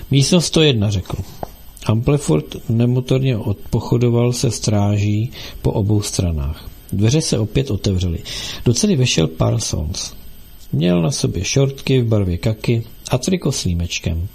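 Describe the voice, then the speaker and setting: Gravelly, husky male audiobook narrator. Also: medium pitch, expressive, dark tone.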